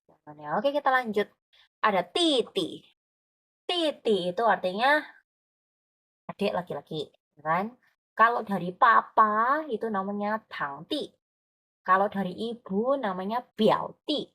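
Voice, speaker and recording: A woman's voice: medium pitch, lively intonation, measured pace, long pauses, sharp tone. A woman tutoring Mandarin, explaining patiently and often checking that her student follows. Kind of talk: online language lesson.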